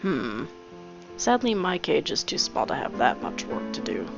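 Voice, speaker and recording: A woman voicing a gentle, formal male pigeon who runs a cafe, speaking softly and politely. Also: deep voice, sing-song, unhurried, creaky, heavily acted. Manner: soft-spoken, formal, polite. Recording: dull lo-fi with game music.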